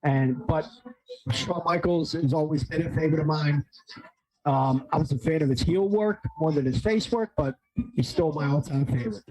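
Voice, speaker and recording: A slightly high-voiced man hosts a casual watch-along, talking in an excitable, rambling way. He trips over his words and corrects himself often. He sounds amped up on coffee. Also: normal speed, poor audio. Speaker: stream host.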